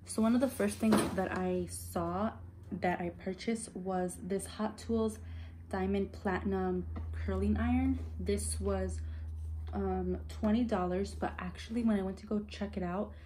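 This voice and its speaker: Hushed, mellow young woman vlogging quietly. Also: steady tone, moderate pace, a little hiss or hum. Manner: hushed, low voice so as not to wake a sleeping baby. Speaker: beauty vlogger. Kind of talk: casual chat to camera, makeup haul.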